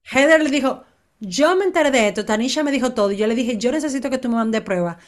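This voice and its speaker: Animated woman gossiping. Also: fairly high pitch, fast talker. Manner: animated, acts out quotes dramatically. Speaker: podcast co-host. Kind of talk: casual gossip chat.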